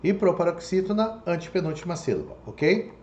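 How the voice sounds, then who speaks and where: In this online Portuguese lecture, the male teacher speaks a little fast in a high, expressive, darkish voice, and the highs are cut off. He explains each step, checking understanding with repeated "tá?" and "ok?", in an echoey room with faint background noise.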